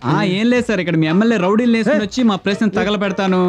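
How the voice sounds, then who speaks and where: A cheeky, defiant young reporter, as an actor plays him, rattling off his lines very fast in a high voice. Faint film music runs underneath. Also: lightly acted. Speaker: newspaper reporter.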